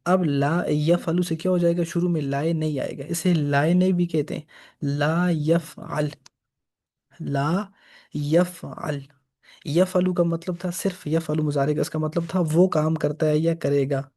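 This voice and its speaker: Guy teaching quran grammar, says every example twice, kinda high but mellow voice. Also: steady tone, measured pace. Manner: patient, repeats each example. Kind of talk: grammar lesson.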